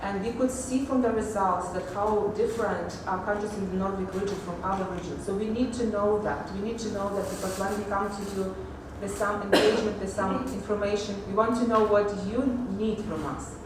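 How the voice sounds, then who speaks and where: A woman giving a technical conference presentation, pausing often with fillers and restarts. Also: medium pitch, fairly even intonation, noisy background. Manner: hesitant, many fillers and restarts. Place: large echoey conference hall. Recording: echoey hall audio from far off.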